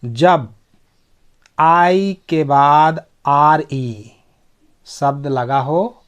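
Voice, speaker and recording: A man's voice: on the high side, extremely slow, muffled recording. A man giving a pronunciation lesson, spelling words out letter by letter, repeating each word and checking that his listeners follow. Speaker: English pronunciation teacher.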